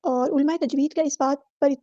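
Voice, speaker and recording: High-voiced woman teaching tajweed. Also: steady tone, dark tone, no room sound. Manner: explains each rule briskly, then recites words slowly with long drawn-out vowels; methodical, repeating set phrases for every letter. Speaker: Quran recitation teacher. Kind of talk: tajweed lesson, explaining rules and reciting slowly. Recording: dull lo-fi dry audio.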